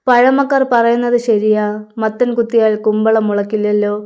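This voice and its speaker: A woman's voice: fairly high pitch, flat delivery, moderate pace, warm tone, clear, resonant tone, close to an everyday voice. A woman reading the part of a grieving older father afraid for his missing daughter, in a heavy, sorrowful storyteller's voice, on a slightly dull recording.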